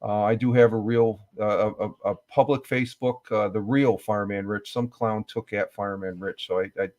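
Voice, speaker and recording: A man's voice: lowish voice, fairly even intonation, a little fast, a little mellow. Rambling man signing off as a guest. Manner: rambling, many fillers and restarts. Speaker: podcast guest. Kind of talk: casual chat.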